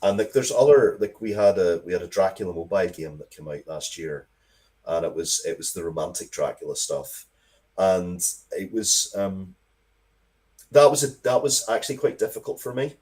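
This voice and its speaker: An interview guest who makes comics and games, this middle-aged man talks in a relaxed, meandering way. His voice sits low and his pace is normal as he spins lively anecdotes full of swearing.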